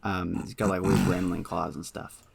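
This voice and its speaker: A man's voice: sits low, flat delivery, normal speed, creaky, a little hiss or hum. A man hosting a casual podcast, talking at length with lots of ums and eager enthusiasm. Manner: rambling, many ums, enthusiastic. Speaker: podcast host. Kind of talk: casual chat.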